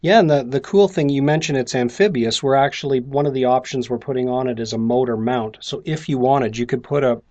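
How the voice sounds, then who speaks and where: A man's voice: mid-range voice, a little fast, hardly any pauses, a little mellow, dull audio. A Canadian man representing a company, speaking casually with frequent hesitations and fillers. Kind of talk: casual interview chat.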